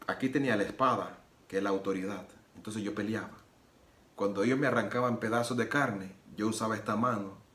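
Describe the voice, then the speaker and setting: A man from Nicaragua, speaking a little fast in a lowish voice, shares an earnest personal testimony of faith. He repeats phrases and acts out what was said, against a roomy echo and soft guitar music.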